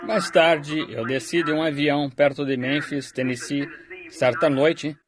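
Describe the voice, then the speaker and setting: A man preaching a sermon, telling a testimony as a story and then praying slowly and earnestly. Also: a little high, fairly even intonation, a crowd in the background.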